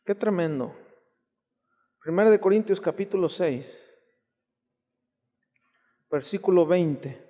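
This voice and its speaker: Mexican pastor guy preaching, high voice, tinny old tape, long echo in the hall. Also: slow pace, pauses often. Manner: emphatic, exclaims often, quotes others in voices. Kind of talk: sermon. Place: church hall. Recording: tinny lo-fi 1990s church recording, long hall reverb.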